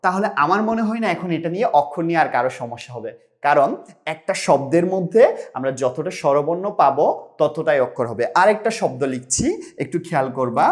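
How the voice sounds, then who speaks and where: A man giving a recorded grammar lesson, explaining step by step, sounding out syllables slowly and asking questions he answers himself. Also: on the high side. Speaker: grammar teacher.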